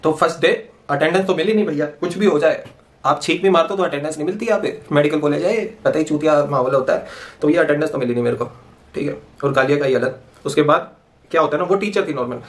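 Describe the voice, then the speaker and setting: A man, telling a casual story full of slang and swearing. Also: a little high. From Punjab, India. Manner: rapid, slangy, swears freely. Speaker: vlogger, medical student.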